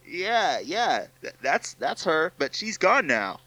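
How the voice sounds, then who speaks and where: A man's voice: fairly high pitch, big pitch swings, slow pace, bright, forceful tone, no room sound, full character voice, rough recording. A man playing a panicky, hapless cartoonist in a spoof commercial, stammering and whiny. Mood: flustered. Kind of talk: comedy sketch spoof commercial.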